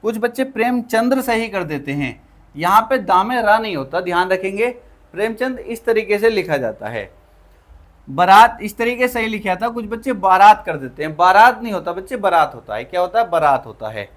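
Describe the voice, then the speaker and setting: A man with a high voice runs an online Hindi spelling class for exam students. He goes through the words one by one, repeats each word, and calls his students children. He keeps putting a quick question to the class and answering it himself. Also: animated, a bit bright. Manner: drills by asking and answering himself. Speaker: Hindi teacher for exam prep.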